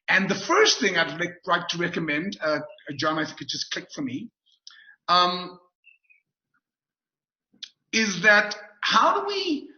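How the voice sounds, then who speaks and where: A motivational speaker gives an upbeat, emphatic webinar presentation over a video call, repeating his key phrases. His voice is on the high side, pushed and bright, and the call audio sounds roomy and dull.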